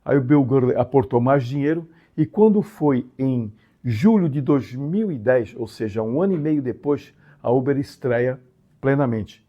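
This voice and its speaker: A man's voice: mid-range voice, dark tone, muffled recording. A man from Brazil hosting his own channel, explaining a story in a casual monologue with frequent tag questions and emphatic swings. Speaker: channel host.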